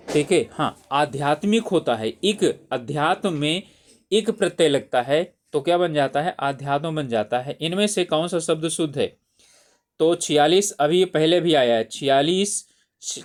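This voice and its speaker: A man teaching spelling for an exam, patiently repeating each word and checking in with his listeners. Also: fairly high pitch. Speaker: Hindi exam tutor. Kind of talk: explaining exam spelling questions.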